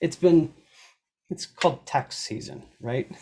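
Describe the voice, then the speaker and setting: A man's voice: on the high side, expressive, slow pace, gravelly, darkish tone, slightly rough. A man co-hosting a live online Q&A, chatty and joking, laughing often between his remarks. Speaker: co-host. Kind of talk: casual live Q&A chat.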